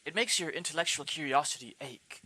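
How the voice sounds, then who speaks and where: A man's voice: a little high, brisk, pushed and bright, dry recording, poor audio. A man reading the lines of a shrewd, composed middle-aged woman in a visual novel, in a coaxing, level voice.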